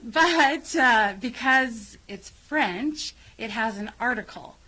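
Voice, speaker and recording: A woman chats over a video call, joking and laughing at herself. She speaks slowly in a slightly high voice. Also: expressive, pushed and bright, low-quality recording. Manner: jokey, giggly, self-mocking. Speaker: substitute teacher. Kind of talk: casual chat.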